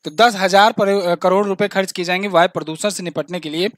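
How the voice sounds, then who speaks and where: Chatty high-voiced male exam tutor. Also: steady tone, a little fast, fairly bright tone, no room sound, studio quality. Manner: chatty, explains with asides and little jokes; repeats key facts, says "ठीक है ना" often. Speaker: exam-prep teacher. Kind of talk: current affairs quiz lesson.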